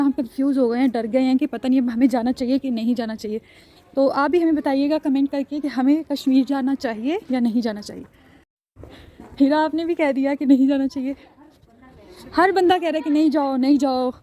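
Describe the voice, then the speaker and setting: A woman's voice: high-pitched, warm tone. A young woman, chatting casually to her viewers in a family vlog. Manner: chatty, addresses viewers directly. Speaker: family vlogger.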